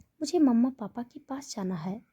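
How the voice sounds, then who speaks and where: A woman voicing a frightened but defiant young woman who speaks softly and pleadingly. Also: fairly high pitch, expressive, normal speed, husky. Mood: anxious. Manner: soft and pleading, irritated.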